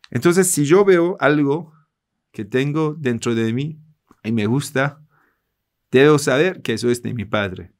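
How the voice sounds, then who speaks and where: A man from Iran with a Persian accent, a native Persian speaker, teaching a religious class in Spanish and earnestly addressing his listeners. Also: medium pitch. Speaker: Islamic teacher.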